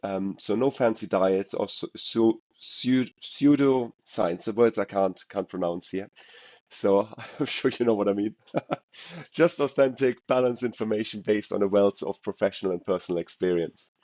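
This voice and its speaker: A man with a voice hoarse from a cold hosts a podcast conversationally, haltingly stumbling over some words. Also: lowish voice, a little mellow. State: has a cold. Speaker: podcast host. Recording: muffled, roomy lo-fi sound.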